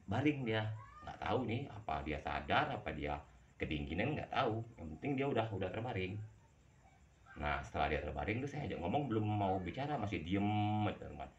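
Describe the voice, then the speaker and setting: A man with a very deep voice tells a horror story from his own life, speaking to his listeners like friends. He restarts and repeats words as he goes. The recording sounds dull and lo-fi. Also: sing-song, fairly quick, slight background noise. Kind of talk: first-person horror storytelling.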